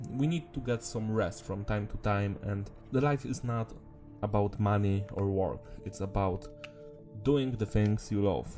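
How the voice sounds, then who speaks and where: A man with a sore, sick-sounding swollen throat giving casual, rambling, informal commentary as a video host. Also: lowish voice. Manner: informal, mild swearing. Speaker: anime review video host.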